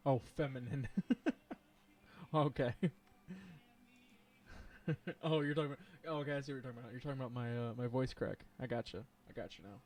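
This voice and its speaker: A man's voice: medium pitch, steady tone, brisk, long pauses. Rambling man thinking aloud while coding. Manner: chats and laughs with viewers. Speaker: streamer. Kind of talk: live coding stream commentary.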